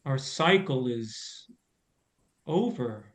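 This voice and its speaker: A man playing a weary, gentle scarecrow who speaks slowly and soothingly. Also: mid-range voice, animated. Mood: sorrowful. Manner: slow, measured, gently soothing. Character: weary old male scarecrow, gentle guardian. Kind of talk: audio drama reading.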